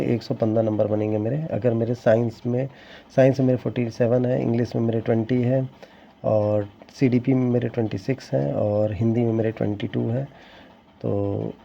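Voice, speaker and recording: Warm-toned and medium-pitched with vocal fry, a young man regretfully rambles to his viewers about his teacher exam scores in a casual vlog, often restarting. The recording is dull lo-fi with faint ambience and a little hiss or hum.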